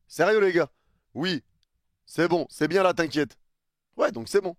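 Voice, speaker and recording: A man's voice: fairly high pitch, lively intonation, a little slow, dry recording, studio quality. A young man streaming live, chatting casually in slang and thanking viewers for their subs. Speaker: streamer reacting to a video.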